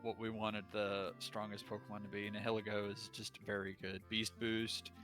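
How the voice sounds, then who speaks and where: A man's voice: lowish voice, level tone, normal speed, a bit bright, faint music behind. A young man coaching in a game league, talking casually and eagerly, restarting sentences as he explains. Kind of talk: casual stream chat.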